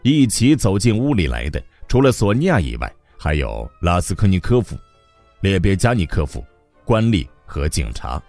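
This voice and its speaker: A man narrating an audiobook in an expressive storytelling manner. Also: sits low, moderate pace, no room sound, soft background music.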